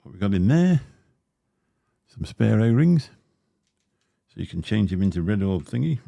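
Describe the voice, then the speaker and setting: While unboxing gear on a casual livestream, this host rambles with lots of fillers and chatty tangents. His deep, creaky, mellow voice swings widely in pitch at a moderate pace. A close dynamic studio mic gives a dry recording.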